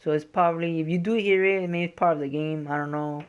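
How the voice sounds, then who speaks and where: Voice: mid-range voice, fairly even intonation, quick pace, clean tone. A gaming host giving informal, explanatory walkthrough commentary in a casual style.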